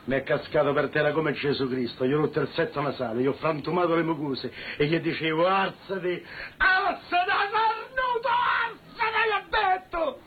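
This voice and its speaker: Bullying Roman dad type, played by a man, loud brag, thin tinny film-clip sound. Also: a little high, moderate pace, slight background noise, lightly acted. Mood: menacing boast. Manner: boastful, menacing, shouting at times. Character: blustering Roman father, proud, threatening tough guy. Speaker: actor in a film scene.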